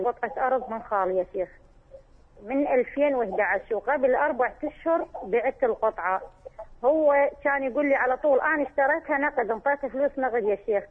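On a tinny phone line, a woman with a somewhat high, slightly rough voice calls in to put questions to a religious scholar. She speaks earnestly and pleadingly, frequently calling him sheikh.

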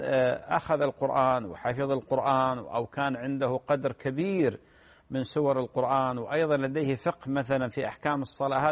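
A man answering listeners' religious questions in a measured lecturing manner, often repeating key phrases and clearing his throat. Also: mid-range voice. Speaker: Islamic scholar answering questions.

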